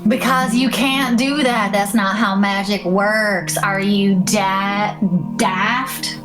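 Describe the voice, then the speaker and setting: A woman's voice: mid-range voice, fairly even intonation, slow, close to an everyday voice. A woman voicing a bossy, impatient vampire leader with a folksy Southern US accent in a tabletop game. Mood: exasperated, insistent. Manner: folksy, scolding, exasperated. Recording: music playing behind the voice.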